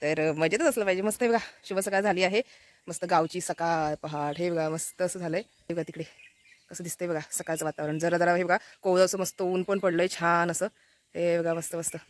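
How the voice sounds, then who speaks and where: A woman vlogger talks at a brisk clip, chatting to her viewers in a friendly way. She walks around her village home with a handheld phone, pointing things out as she goes. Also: on the low side, fairly even intonation. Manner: chatty, walks about showing the house. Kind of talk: casual vlog chat.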